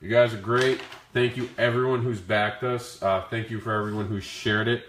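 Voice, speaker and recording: A man with a deep-leaning, growly voice roughened by flu hosts a casual Q&A stream. He talks informally to his viewers, and the sound is noticeably roomy and echoey. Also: fairly even intonation, moderate pace, a bit bright. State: sick with the flu. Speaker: comic creator hosting a Q&A. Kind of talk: casual livestream Q&A talk.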